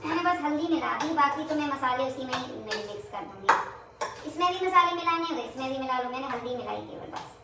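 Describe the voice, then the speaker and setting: A woman's voice: high voice, animated, brisk. A woman in her thirties chatting casually while she cooks in her home kitchen, trailing off as she works. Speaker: home vlogger. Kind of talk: casual cooking chat to camera. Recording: echoey kitchen from far off, noisy.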